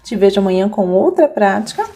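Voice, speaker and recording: A young woman teaches English grammar straight to her viewers. She slows down to spell out rules and model short example phrases, then picks the pace back up. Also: medium pitch, big pitch swings, dark tone.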